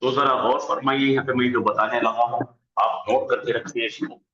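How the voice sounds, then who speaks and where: A man teaching an online Arabic grammar lesson, slowly drilling word forms aloud on a video call. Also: medium pitch, steady tone, a bit bright. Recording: dull echoey room sound.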